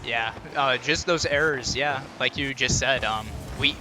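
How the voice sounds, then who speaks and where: Man, color commentator, relaxed analysis, filler-heavy, mid pitch, clear background noise. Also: measured pace.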